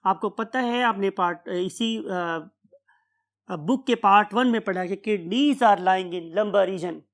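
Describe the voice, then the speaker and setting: A woman's voice: medium pitch, slow pace. A woman giving a biology class lecture. She poses questions to her students, answers them herself, checks in with "right?", and drops English terms into her explanation. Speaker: biology teacher.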